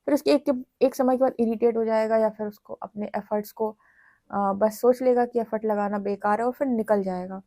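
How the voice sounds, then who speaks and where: A woman's voice: a little high, mellow, no room sound. A woman with an Indian accent giving a tarot reading to her viewers, speaking in chatty, direct Hinglish. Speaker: tarot reader.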